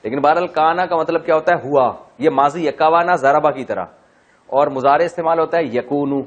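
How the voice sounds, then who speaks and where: Man teaching Quran, self-questioning. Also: a little high. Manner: explains step by step, asks and answers his own questions; chanted slow Arabic verse recitation. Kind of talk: Urdu Quran grammar class. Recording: dull lo-fi recording.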